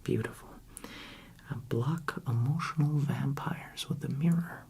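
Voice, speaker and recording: A man performs a whispered role-play as a friendly librarian. His library whisper is soft and breathy with a gravelly, fry-laden edge. He speaks gently and unhurriedly, with chatty asides straight to the listener. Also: mid-range voice, measured pace.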